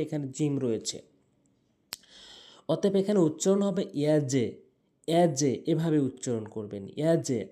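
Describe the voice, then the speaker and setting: A man teaching correct Quran pronunciation, chanting verses in long drawn-out tones between spoken explanations and repeated demonstrations. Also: fairly high pitch, dark tone.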